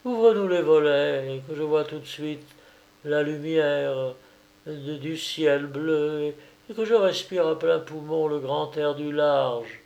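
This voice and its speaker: A light, lilting young wife, cheerful and dreamy, as a man reading aloud puts her on. Her voice sits noticeably high and moves at a slow storybook pace. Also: creaky, darkish tone, muffled recording. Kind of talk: audiobook character reading.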